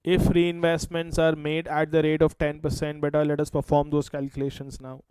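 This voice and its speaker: A man with an Indian accent gives a classroom lecture in a crisp, fairly high voice. His delivery is instructive and repetitive, staying on an even pitch as he addresses his students. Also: moderate pace, no room sound. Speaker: finance teacher.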